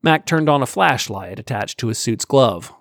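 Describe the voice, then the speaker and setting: A man's voice: mid-range voice, animated, moderate pace, gravelly, fairly bright tone, dry recording. Man narrating an audiobook, dry sound. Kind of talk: scripted narration.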